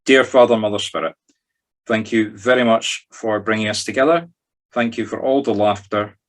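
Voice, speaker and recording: A Scottish man guides listeners through a meditation step by step, keeping things informal and conversational. His pitch is fairly low and his pace moderate. It was recorded on a group video call.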